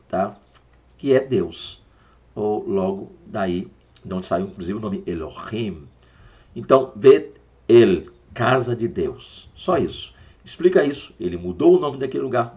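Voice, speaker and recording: This Brazilian man, whose voice sits low with a darkish tone, is teaching a Sunday school Bible lesson. He patiently explains words and repeats them so listeners can practice the pronunciation, all in a Brazilian Portuguese accent.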